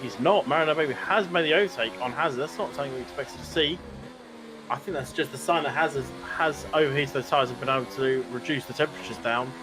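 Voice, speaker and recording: A man's voice: mid-range voice, quick pace, music in the background. A man giving live motorsport commentary, reacting to the action and repeating phrases for emphasis. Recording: loud engine noise behind the voice.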